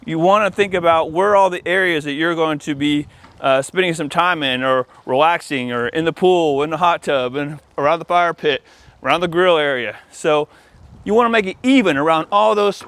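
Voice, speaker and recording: Out in a yard, the host of an installer's video channel leads a relaxed hands-on walkthrough, explaining informally along the way. His voice is fairly bright and moves at a normal speed. The recording is dry, with outdoor noise and a low ambient rumble.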